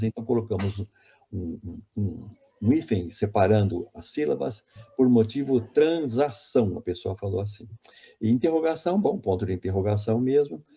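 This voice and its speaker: A man's voice: fairly low pitch, gravelly, warm tone, slightly rough. A man giving an academic conference lecture on linguistics, hesitant and self-correcting, often repeating words.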